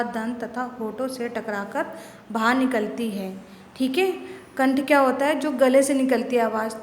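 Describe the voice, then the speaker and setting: A woman teaches a grammar lesson in a high voice, asking the class questions and then answering them herself. The room is echoey with a long ringing tail. A faint hiss sits under her voice. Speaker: school teacher.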